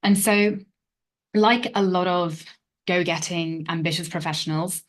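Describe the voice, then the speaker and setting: Lady in her 30s, low voice, reflective, lots of "kind of" and "like". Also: steady tone, measured pace. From England. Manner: reflective, hedging with many fillers. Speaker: relationship coach. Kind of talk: personal story monologue.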